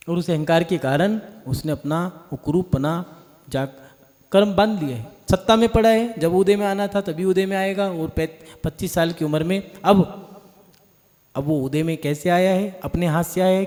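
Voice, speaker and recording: A Jain monk preaches in Hindi, his voice set a little high but mellow and dark in tone. He talks to the gathering plainly, asking questions and drawing on homely examples. A long reverb trails each phrase through the hall. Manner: conversational, rhetorical questions, vivid everyday examples. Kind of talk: sermon.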